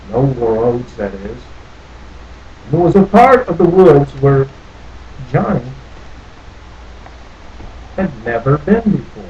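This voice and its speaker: This storybook reader has a fairly high-pitched male voice and dramatizes a children's tale, drawing out phrases with theatrical flair. The sound is lo-fi, with noticeable noise behind him.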